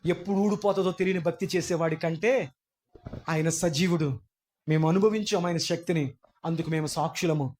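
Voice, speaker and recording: A male pastor preaching a sermon in a church, questioning his congregation and rising to impassioned shouts. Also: on the high side, moderate pace. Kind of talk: Easter sermon. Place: church hall.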